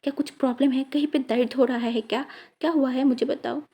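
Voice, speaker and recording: Woman doing a stern, fussing uncle from a storybook, scolding, pitched a bit high, warm tone. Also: fairly even intonation. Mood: worried. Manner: scolding, fussing with rapid questions.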